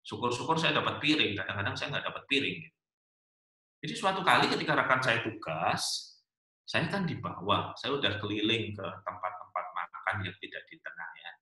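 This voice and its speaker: Animated male pastor in an echoey room. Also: on the low side, brisk. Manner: animated storytelling, many rhetorical asides. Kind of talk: humorous sermon at a couples' webinar.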